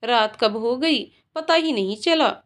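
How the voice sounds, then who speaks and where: High-pitched woman telling an emotional story, dramatic narration. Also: lively intonation, slow pace. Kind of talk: scripted narration.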